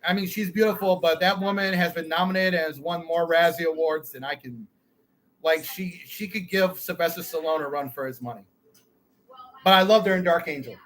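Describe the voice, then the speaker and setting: A man co-hosting a casual chat podcast, giving blunt, profane opinions with animated energy. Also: fairly high pitch, brisk, a little hiss or hum, rough recording. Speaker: podcast co-host.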